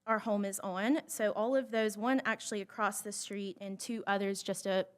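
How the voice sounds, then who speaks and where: Young woman, public hearing applicant, nervous and sincere, clear tone. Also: mid-range voice, steady tone, moderate pace. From Monroe, Georgia. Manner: nervous, earnest, many filler ums. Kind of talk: prepared public statement.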